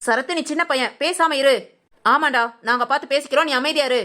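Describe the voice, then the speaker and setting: A woman's voice: high voice, brisk, bright, forceful tone. A woman playing a domineering mother-in-law who harshly scolds her daughter-in-law in a village family drama. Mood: scolding.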